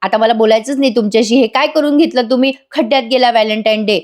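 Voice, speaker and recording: Here is a hurt young wife who answers sharply and stays fed up through the scene, as a woman narrator acts her out. Her voice sits high and bites hard on each line. It sounds like a serial's quarrel told over by one reader. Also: steady tone, quick pace, natural voice. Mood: angry. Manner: sharp, indignant. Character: angry, hurt young wife sulking behind a door.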